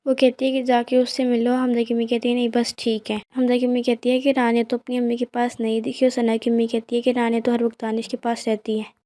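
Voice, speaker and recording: A woman narrates a recap of a television drama, moving steadily from scene to scene and quoting what each character says. Her voice sits a little high but barely moves in pitch. The tone is dark and mellow. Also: level tone. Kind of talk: scripted episode recap narration.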